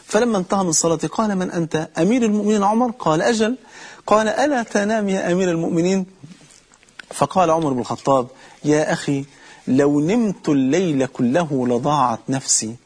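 A man with an Egyptian Arabic accent delivers a sermon, his voice husky and pitched a little high. He talks at a quick clip and addresses his listeners directly. He slows down sharply to draw out the lines he quotes. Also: a little mellow. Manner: storytelling with slow, drawn-out quotes. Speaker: preacher.

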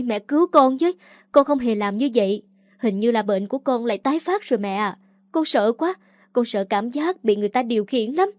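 A tearful young woman pleads and begs between sobs, as a woman narrator voices her. The voice is somewhat high and heard dry and close. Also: a little mellow, no room sound, natural voice. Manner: sobbing, pleading.

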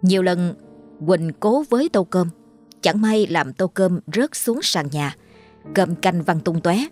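A woman narrating a ghost story in a slow, mournful storytelling manner. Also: lowish voice, darkish tone, faint music behind.

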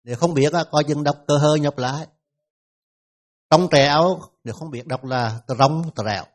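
A man with a Vietnamese accent teaching pronunciation in a classroom lesson, repeating each sound slowly for his students. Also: on the high side, a little mellow.

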